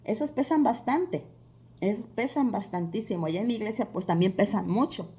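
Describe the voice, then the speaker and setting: A woman teaching a devotional Bible lesson in a conversational way, asking listeners rhetorical questions and pausing on filler sounds. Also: medium pitch, animated, mellow. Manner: frequent filler pauses.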